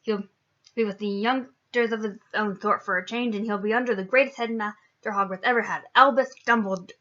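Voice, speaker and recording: A woman's voice: medium pitch, steady tone, brisk, natural voice. Hagrid, as a woman puts him on. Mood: indignant. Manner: loud rustic dialect speech. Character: big gruff kindly male giant gamekeeper. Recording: dull lo-fi recording.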